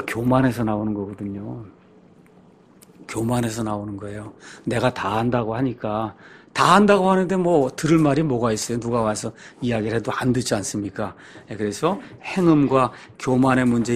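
대화하듯 설교하는 남성 목사. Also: male voice, medium pitch. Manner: conversational, asks and answers his own questions. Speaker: pastor. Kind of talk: sermon, Bible teaching.

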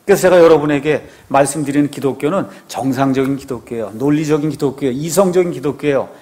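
A man's voice: a little high, fast, a little mellow. A man, a pastor, giving a conversational sermon, asking his congregation rhetorical questions and often affirming himself with a short "yes".

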